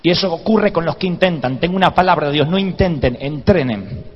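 A man preaching a sermon, telling a comic story and acting out the shouts and groans in it. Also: on the high side, expressive, brisk, big-room sound. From Argentina. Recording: dull lo-fi live sermon recording.

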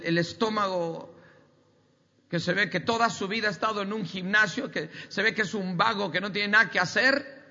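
Male preacher, emphatic sermon, very bright voice, dull recording with long hall echo. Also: sits high. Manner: emphatic, repetitive preaching with rising outbursts.

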